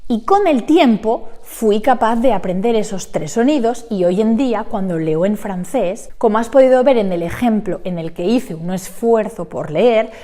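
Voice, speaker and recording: A woman's voice: mid-range voice, lively intonation, moderate pace, few pauses, dark tone. A young woman teaching Spanish pronunciation in an online lesson, animatedly demonstrating sounds aloud.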